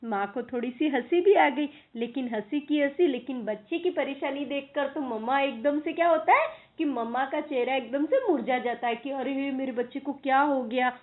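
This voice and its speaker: A woman's voice: high-pitched, moderate pace, few pauses. A woman teacher retelling a school play for her students, explaining hard words as she goes. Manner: storytelling with glosses of words. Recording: tinny phone-like recording.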